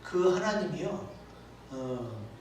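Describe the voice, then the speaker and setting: With a slightly high, darkish voice that swings widely in pitch, a pastor delivers a slow sermon in the sanctuary. His tone is conversational, full of rhetorical questions, and the distant recording picks up the hall's echo and a little background noise.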